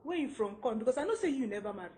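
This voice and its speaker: A woman with a Nigerian accent playing a fed-up young wife in a film drama. She is loud, animated and laughs often. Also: a little high, very fast, natural voice. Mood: mocking. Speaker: film actor.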